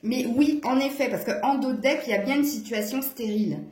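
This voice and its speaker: A woman's voice: a little high, brisk, darkish tone, roomy sound. A woman from eastern France with a fading southern French accent, doing a casual, chatty card reading and often breaking off with laughs or to scold her cat. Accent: southern French fading toward Franche-Comté. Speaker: card reader. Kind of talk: casual tarot reading to camera.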